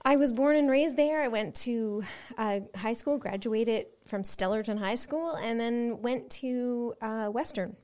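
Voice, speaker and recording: A woman's voice: on the high side, measured pace, few pauses, darkish tone. A woman from Nova Scotia, a TV co-host, chatting casually as a guest in an interview and laughing easily. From Nova Scotia, Canada.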